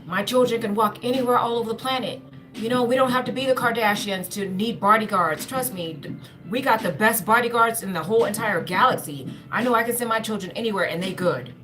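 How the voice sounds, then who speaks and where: A woman's voice: on the high side, fairly quick, a bit bright. Earnest woman giving a spiritual talk over music. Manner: earnest, repetitive, often addresses listeners as y'all. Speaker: spiritual speaker. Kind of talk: spiritual pep talk to viewers.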